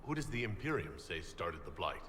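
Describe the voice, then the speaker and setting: An actor voicing a calm, direct leader of an inquisition in a fantasy game, terse and measured. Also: male voice, low voice, echoey room, a little hiss or hum, full character voice. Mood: calm, probing. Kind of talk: video game dialogue.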